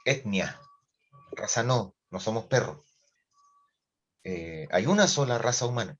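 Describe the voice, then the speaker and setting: A man with a Chilean accent teaching an online class, talking in an animated, joking, colloquial way over a video call. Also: on the low side, a little slow, lo-fi sound.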